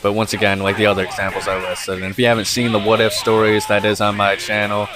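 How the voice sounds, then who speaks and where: A man gives laid-back gameplay commentary in a low, flat monotone, rambling along with plenty of fillers. Game music plays clearly underneath his voice. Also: quick pace. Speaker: gaming channel host.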